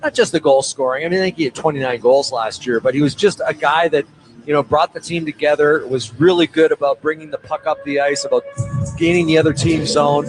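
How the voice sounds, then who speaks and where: A man's voice: a little high, fairly even intonation, a little fast, soft background music. Chatty male hockey color analyst. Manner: conversational, many fillers and restarts. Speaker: color commentator. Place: arena broadcast booth. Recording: noisy arena radio feed.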